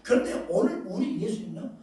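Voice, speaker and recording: Animated high-voiced preacher in echoey hall. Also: male voice, a little fast, slight background noise. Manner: emphatic, shifts between loud bursts and asides, questions the congregation. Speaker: pastor. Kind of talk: sermon. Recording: very echoey hall, voice far from mic.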